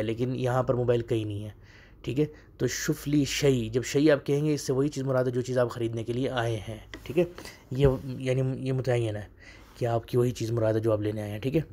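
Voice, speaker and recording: A man teaching in a casual spoken lesson, repeating them slowly and often checking "okay?". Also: mid-range voice, steady tone, dark tone. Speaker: Arabic teacher.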